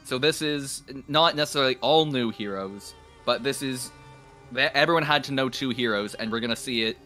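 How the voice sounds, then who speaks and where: A Canadian esports caster commentates casually on a live game stream, explaining at length and laughing often. His voice is medium-pitched, brisk, and sharp-toned, with faint music in the background.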